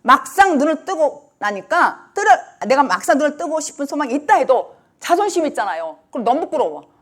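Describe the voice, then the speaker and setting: A woman's voice: high-pitched, brisk. A woman pastor preaching a sermon emphatically, sometimes acting out the cries of the people she describes. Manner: emphatic, lively preaching that acts out the blind man's cries.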